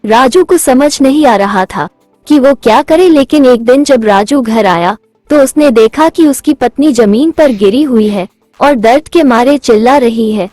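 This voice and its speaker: High-voiced woman narrating a cartoon story. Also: no echo, soft background music. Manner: steady, measured storytelling.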